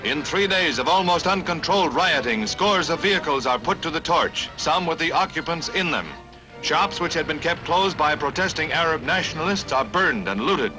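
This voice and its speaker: A man's voice: fairly high pitch, lively intonation, moderate pace, rough recording. A man narrating a 1950s newsreel in a punchy, dramatic announcer style, dropping wry quips between the headlines. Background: music.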